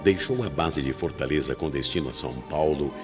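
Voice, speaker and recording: A Brazilian man narrates a scripted mystery in a very deep, dramatic voice, phrasing things deliberately to build suspense. It sounds like a 1990s AM radio drama with a music bed.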